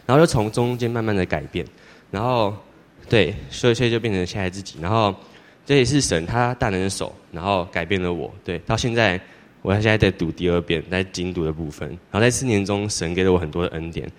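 A teenage boy giving a church testimony in a rambling, halting way, with many restarts. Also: low-pitched. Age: teens. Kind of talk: personal testimony. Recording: long hall reverb.

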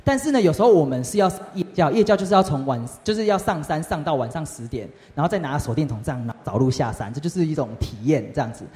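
A young man tells a lively testimony story to a youth group, often asking the audience questions. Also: a little high, quick pace, few pauses. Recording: reverberant hall.

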